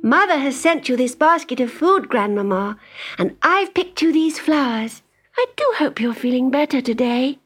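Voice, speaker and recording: A woman voicing a polite, trusting little girl in a storybook reading, with a high, childlike voice. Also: animated, normal speed, a bit bright, breathy edge, faint music behind, heavily acted. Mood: innocent.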